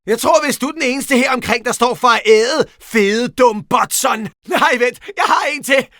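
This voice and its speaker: A very high, bright voice for a young hedgehog hero in a video game. He is cocky, playful and quick with a teasing jab. The delivery is energetic, and the sound is dry and close. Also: no echo, heavily acted. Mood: mocking, cocky. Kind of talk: animated video game voice acting.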